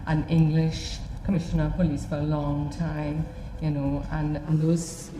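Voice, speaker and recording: In an echoey gallery room with noticeable background noise, a fifties-aged woman with a Trinidadian accent, from Trinidad and Tobago, talks informally about her memories as an artist, often checking in with "you know." Her deep voice has little pitch movement and she speaks a little slowly.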